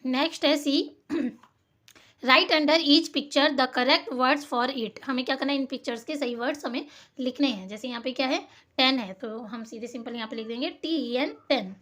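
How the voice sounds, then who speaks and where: A woman teacher with a high voice, speaking in a patient classroom manner. She spells each word out slowly, letter by letter, and answers her own questions as she works through the sheet. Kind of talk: classroom lesson explaining a worksheet.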